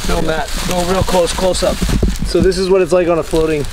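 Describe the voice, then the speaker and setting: Man, high voice, casual joking chat, very noisy boat setting outdoors. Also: steady tone, normal speed. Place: outdoors on the water. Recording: loud outdoor boat noise.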